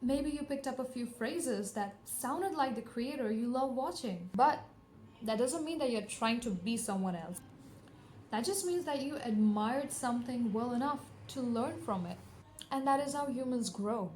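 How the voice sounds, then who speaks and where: Woman vlogger, earnest encouraging monologue, high voice, echoey room, faint noise. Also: expressive, a little slow, darkish tone. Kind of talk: reflective monologue to camera.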